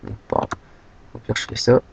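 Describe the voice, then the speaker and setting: A young man from France giving a casual, rambling software tutorial, full of fillers and a habit of saying "hop" as he clicks. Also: brisk, slight background noise, poor audio. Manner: rambling, filler-heavy, says "hop" often. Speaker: tutorial maker.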